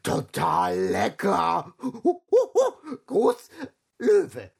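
A cheeky storybook monkey, piping in a very high, squeaky voice full of giggles. The delivery is slow and bouncy, with a husky edge. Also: male voice, wildly swooping pitch, exaggerated voice.

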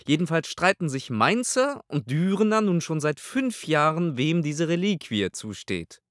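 An irritable old pope, pompous and commanding, as a male reader puts him on. The voice is pushed high and loud, with a lively, swinging pitch. It is heard close and dry, with no room sound, as in a spoken audiobook. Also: a little slow, no echo. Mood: imperious. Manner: pompous, raised and forceful delivery. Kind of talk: audiobook character voice.

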